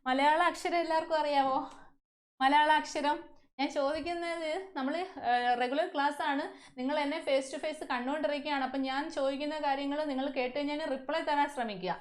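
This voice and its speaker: A woman's voice: high-pitched, fairly even intonation, brisk. A woman from Kerala with a Malayali accent teaching an English class, often asking questions and answering them herself. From Kerala, India. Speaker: English teacher at a coaching centre. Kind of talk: classroom lesson.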